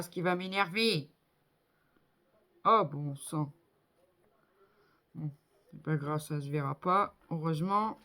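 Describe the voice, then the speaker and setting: A woman's voice: mid-range voice, fairly bright tone. A middle-aged woman chatting casually as she builds a model kit, thinking aloud with many fillers. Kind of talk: casual hands-on crafting commentary.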